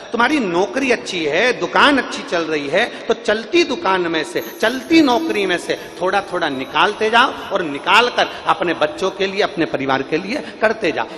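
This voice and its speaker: Bright-voiced preacher in echoing hall. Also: male voice, high-pitched. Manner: emphatic, repetitive, switching to sung lines. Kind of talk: devotional sermon with sung verses. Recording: long hall reverb with faint music.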